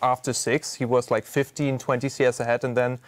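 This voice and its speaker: A man on an esports analyst desk reviewing the game, pausing with fillers as he goes. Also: mid-range voice, little pitch movement, no room sound.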